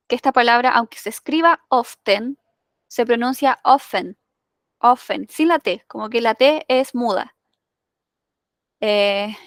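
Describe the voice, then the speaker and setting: A woman's voice: on the high side, dry recording, clean studio sound. A woman teaching an English class, explaining patiently and checking in with "ya?".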